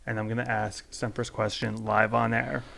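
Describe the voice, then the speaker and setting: A man's voice: on the low side, flat delivery, normal speed, creaky, a bit bright, no room sound. A man hosting a podcast interview, joking and teasing, with casual swearing. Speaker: podcast host.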